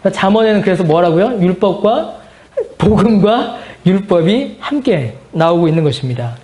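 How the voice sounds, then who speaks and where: A man with a fairly high voice teaches a Bible class as pastor. He poses questions to his listeners and answers them, repeating words for weight. The room around him is echoey. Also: a little mellow. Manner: repeats key phrases for emphasis. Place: church meeting room.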